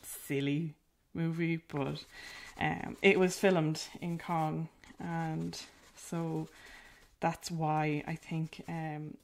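Rural Irish woman, low gravelly voice, chatty painting livestream, self-deprecating. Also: little pitch movement, drawn-out words, darkish tone. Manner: chatty and self-deprecating, with frequent filler words. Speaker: artist hosting a painting livestream. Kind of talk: casual chat while painting.

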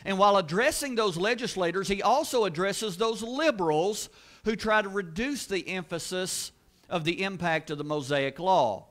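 A man with a high, light voice delivers a church sermon. He preaches earnestly and emphatically, repeating key words and pushing his voice up and louder at the peaks. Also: moderate pace. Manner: earnest, emphatic preaching with rising exclamations and repetition. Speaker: pastor. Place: church sanctuary.

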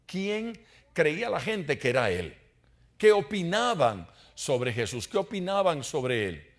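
A man's voice: on the high side, big pitch swings, slow. A man teaching a Bible study in sermon style, asking the congregation rhetorical questions and adding humorous asides. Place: church.

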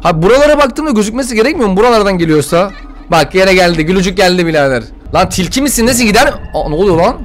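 A man's voice: high-pitched, animated, rapid-fire. A young man giving slangy, jittery commentary while playing a horror game, often yelping and laughing when scared. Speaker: gameplay streamer.

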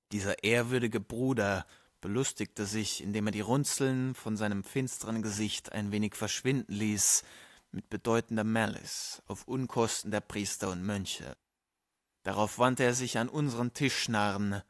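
A man reading a classic text aloud as an audiobook narrator, steady and measured. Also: lowish voice, no echo, clean studio sound. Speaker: audiobook reader. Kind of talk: scripted narration.

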